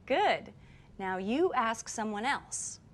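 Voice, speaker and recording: Slow, clear woman teaching English. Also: fairly high pitch, sing-song, a bit bright, a little hiss or hum. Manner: clear, drilled teacher delivery. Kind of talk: slow scripted English lesson.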